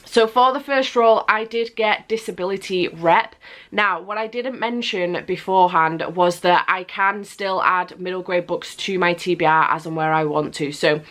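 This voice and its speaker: Speaking from home with construction noise close by, this book vlogger is a young woman fighting a cold that leaves her nose stuffy. She talks casually to camera in a lowish, slightly bright voice at a moderate pace, often repeating words to stress them.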